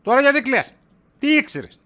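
A man's voice: very high voice, big pitch swings, bright, forceful tone, exaggerated voice. A man playing a tired middle-aged shopkeeper in a comedy sketch, exasperated and dodging his wife's questions with wisecracks. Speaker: husband.

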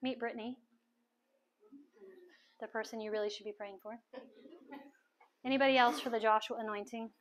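A middle-aged woman minister praying over people at a house meeting, soft-spoken and coaxing, often repeating her phrases. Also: on the high side, fairly even intonation, moderate pace, long pauses, slight background noise. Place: large living room full of people.

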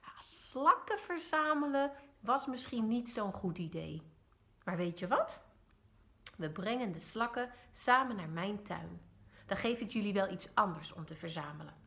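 A woman's voice: medium pitch, expressive, unhurried, gravelly, a bit bright. A woman doing a cheerful old neighbor man. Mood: kindly. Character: friendly male neighbor who loves collecting.

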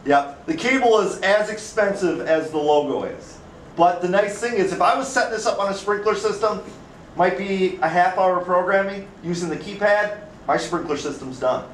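A man's voice: high voice, normal speed, a little hiss or hum. A man with an Upper Midwest American accent teaching a classroom lecture, chatty and casual, often asking the class questions. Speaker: instructor. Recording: echoey classroom from far off.

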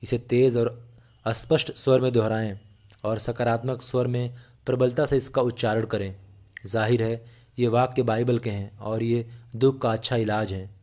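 Male narrator, mid-pitched, steady earnest audiobook read with the odd slip. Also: normal speed. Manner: steady, earnest reading with small slips and restarts.

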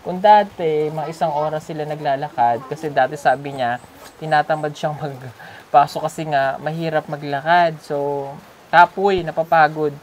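A woman's voice: deep voice, fairly even intonation, normal speed, slight background noise. A woman vlogger chatting with a family at their home, coaxing and teasing with lots of questions. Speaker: vlogger visiting a sponsored child. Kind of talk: casual vlog chat.

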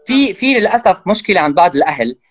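Man, rapid-fire interview guest, very dry close recording, animated dialogue bits. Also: sits high, no echo. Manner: fast, animated, acts out parent and child lines. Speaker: guest expert on parenting. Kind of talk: casual explanatory interview talk.

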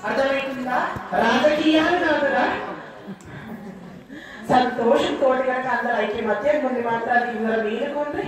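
A woman's voice: sits high, normal speed, long pauses, distant mic. A woman with a Telangana accent delivering prophecy in a trance, commanding and addressing devotees as her children, over a PA outdoors. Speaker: festival oracle giving prophecy. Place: outdoor hillside temple gathering with large crowd. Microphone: handheld mic over PA, recorded from the crowd. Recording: echoing PA from afar, crowd noise.

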